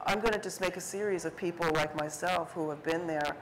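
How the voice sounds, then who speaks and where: On an art fair stage indoors, a panelist, a middle-aged woman and photographer, talks about her work in a fairly quick, lowish voice. Her casual delivery is packed with fillers and false starts, and she dramatizes quoted remarks along the way. There's a bit of hiss or hum, and the audio quality is poor.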